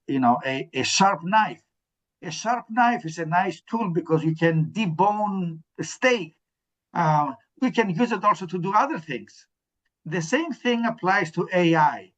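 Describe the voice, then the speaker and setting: A man's voice: high-pitched, a bit bright. Hesitant middle-aged man, dull lo-fi line. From Sweden. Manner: hesitant, many ums and restarts. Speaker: interim dean and panelist. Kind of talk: panel discussion answers.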